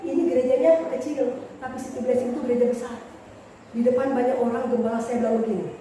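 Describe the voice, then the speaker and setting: A woman preaching an animated, emphatic sermon, recorded from a distance in a church hall. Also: on the high side, quick pace, slight background noise. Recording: echoey hall from far off.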